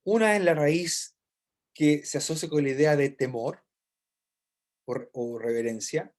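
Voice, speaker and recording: Man, Bible study teacher, somewhat high voice, patient explaining, repeats key points. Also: a little slow, a little mellow. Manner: explanatory, repeats key phrases, checks in with listeners.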